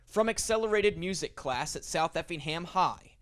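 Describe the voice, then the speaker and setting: A male sports reporter giving scripted news narration with a lively storytelling delivery. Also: fairly high pitch, moderate pace.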